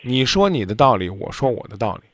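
A man's voice: medium pitch, big pitch swings, quick pace, fairly bright tone, no echo. A man hosting a radio call-in advice show, blunt and lecturing as he scolds the caller. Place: radio studio.

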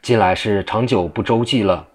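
A timid, simple-minded husband rambles through his troubles in a storybook tale, as a man with a low voice reads him. He speaks plainly, one small step after another. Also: normal speed, darkish tone, close to an everyday voice. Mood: rambling.

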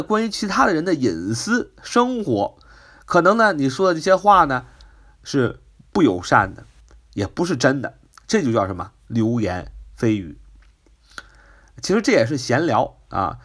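Lively male Mandarin English teacher. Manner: spells words letter by letter, explains in Mandarin; rises in pitch on questions. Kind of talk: vocabulary lesson.

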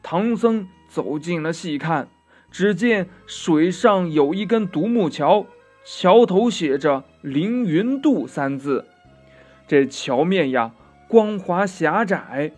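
A man narrating a children's story in a slow, expressive telling style. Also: a little high, faint music behind. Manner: slow, expressive, drawn-out "呀" endings.

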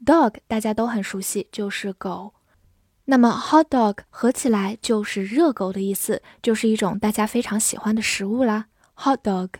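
Female vocabulary teacher, unhurried and precise, dry booth sound. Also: fairly high pitch, a little mellow, no room sound. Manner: slow, careful enunciation with spelled-out words and repeated drills. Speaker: English teacher. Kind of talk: vocabulary lesson in Chinese.

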